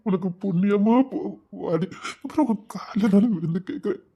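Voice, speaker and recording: A man's voice: high-pitched, moderate pace, dark tone. A man playing a pleading anxious husband. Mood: begging. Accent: Tirunelveli Tamil. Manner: pleading, coaxing. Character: anxious husband begging his wife.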